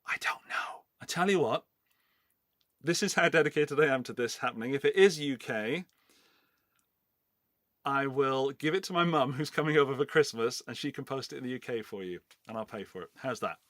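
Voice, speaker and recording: At a normal speed and in a medium, slightly bright voice, a middle-aged man hosts a casual giveaway livestream, chatting and rambling loosely. He hails from the Forest of Dean, Gloucestershire, in England. The recording is dry and studio-clean.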